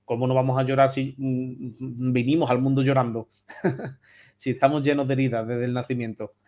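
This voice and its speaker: A man's voice: mid-range voice, level tone, moderate pace, dark tone. A man from Spain with a Spanish accent, a therapist speaking passionately and emphatically as a guest on a remote interview. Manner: passionate, emphatic, repeats phrases.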